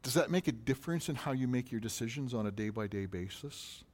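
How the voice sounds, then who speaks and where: A pastor preaching a sermon, asking questions in a rising voice and answering them more quietly. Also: male voice, medium pitch, lively intonation, brisk.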